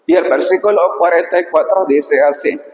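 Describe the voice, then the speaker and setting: A man teaching a Biblical Greek lesson, reading the Greek slowly syllable by syllable and then explaining each point patiently. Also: sits high, a little mellow. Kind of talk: slow instructional reading lesson. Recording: echoey room with long reverb.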